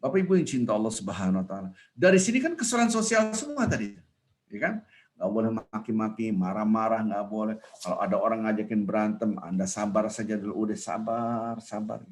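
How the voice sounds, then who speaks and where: A man preaching a casual, jokey sermon, swinging from loud emphatic rises to soft asides. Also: lowish voice, fast talker. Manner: animated, with sudden loud rises and soft drops; jokey, conversational teaching.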